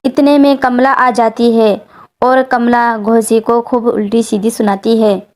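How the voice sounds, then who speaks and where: A woman with a high, bright voice reads a scripted story aloud. She tells it in a simple, steady way. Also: unhurried.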